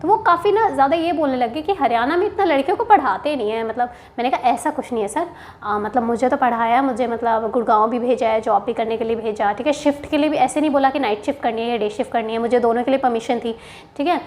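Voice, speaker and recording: A woman's voice: a little high, quick pace, a little mellow. A young woman from Haryana, a bank officer, casually telling the story of her job interview to her viewers, chatty and mixing in English phrases. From Haryana, India. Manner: chatty, mixes Hindi and English, frequent "theek hai" asides.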